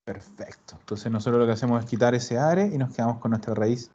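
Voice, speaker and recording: A man's voice: medium pitch, fast talker, mellow, lo-fi sound. A man teaching an online language class, explaining patiently and often checking that students follow. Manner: patient, repeats and checks understanding with "¿ya?". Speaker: Italian teacher.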